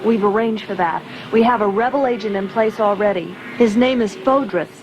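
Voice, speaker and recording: An actress playing a composed, commanding rebel princess who leads a mission. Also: female voice, medium pitch, normal speed, noisy background, natural voice. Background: music.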